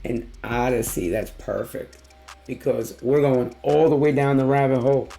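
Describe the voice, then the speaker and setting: A man with a hoarse, tired voice giving a casual, excited music reaction in slangy, emphatic talk. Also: mid-range voice. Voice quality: hoarse, worn-out voice from losing it. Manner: slangy, emphatic, drawn-out exclamations. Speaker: music reaction video host.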